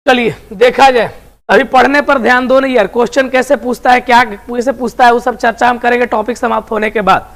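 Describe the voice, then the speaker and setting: A man with a very high-pitched, slightly bright voice teaches Hindi grammar in an online video lesson, speaking a little fast in a steady tone. He coaxes his students along, calls them dear and friends, and ends almost every sentence with a tag question.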